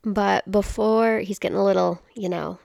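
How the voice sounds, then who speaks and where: A woman's voice: medium pitch, steady tone, moderate pace, creaky, darkish tone, no room sound, studio quality. A young woman co-hosting a podcast in casual chat, giggly and rambling, joking about herself. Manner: giggly, rambling, self-deprecating. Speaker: podcast co-host.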